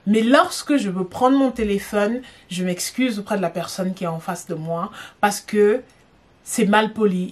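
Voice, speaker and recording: A young woman casually giving etiquette tips to camera, chatty and emphatic, talking straight to the viewer with teasing questions. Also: mid-range voice. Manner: chatty and emphatic, repeating "non, non" for stress; addresses the viewer directly, teasing rhetorical questions. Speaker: lifestyle vlogger.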